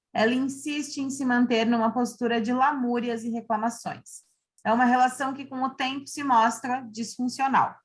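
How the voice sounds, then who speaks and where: A woman in her thirties from Santa Catarina, co-hosting a podcast in a lively manner, chatting and reading prepared segments. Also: on the high side. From Santa Catarina, Brazil. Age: 30s. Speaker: podcast co-host. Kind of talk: podcast chat and scripted reading.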